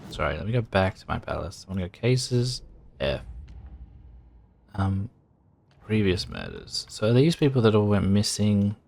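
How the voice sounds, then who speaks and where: A man's voice: lowish voice, sing-song, normal speed, vocal fry, pauses often, darkish tone. A man casually commenting while playing a horror video game, muttering his thoughts aloud with a wry edge. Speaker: gaming channel host. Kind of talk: casual let's-play commentary.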